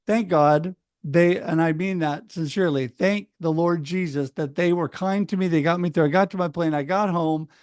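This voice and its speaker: A middle-aged man from Oregon talks casually on a video call, telling his story with animated energy and acting out other people's words. His voice sits fairly high. The sound is dry and close, with no room echo. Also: normal speed, hardly any pauses, smooth. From Oregon, United States. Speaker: speaker sharing his story.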